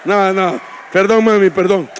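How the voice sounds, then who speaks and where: A male pastor with a strikingly high voice preaches in a large hall whose long echo trails every phrase. He tells stories with humor, calling out some lines loudly and dropping to a near hush for others. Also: measured pace, a faint crowd, slight background noise. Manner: storytelling preacher, swings from shouts to hushed asides; jokes with the congregation. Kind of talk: sermon at a women's retreat. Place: church hall.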